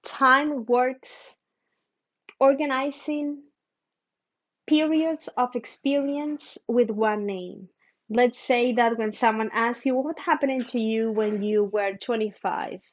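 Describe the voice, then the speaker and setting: In a slightly muffled recording, a spiritual teacher from Mexico speaks with a fairly high voice. Her talk moves haltingly and thoughtfully, broken by humming pauses.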